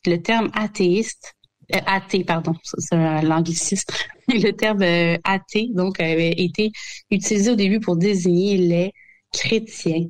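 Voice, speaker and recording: A woman's voice: on the low side, steady tone, a little slow. A woman, a historian guest on a radio show, talking casually while sick with bronchitis, hesitant with many fillers and restarts.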